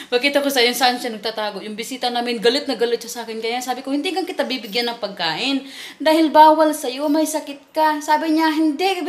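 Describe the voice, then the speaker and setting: A woman's voice: high voice, roomy sound. A woman vlogging at home, chatting to viewers in a teasing, laughing storytelling manner. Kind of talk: casual vlog talking to viewers. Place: home indoors.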